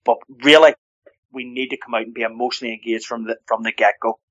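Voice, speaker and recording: A hockey commentator makes his points with force and repeats them for emphasis. His voice sits in a middle pitch. The recording sounds dull and muffled. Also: steady tone, quick pace, fairly bright tone. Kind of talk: casual sports chat.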